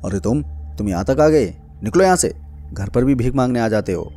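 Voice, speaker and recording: A man voicing an irritable young man who shouts angrily. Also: medium pitch, lively intonation, fairly quick, soft background music, lightly acted. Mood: furious. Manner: shouting, angry.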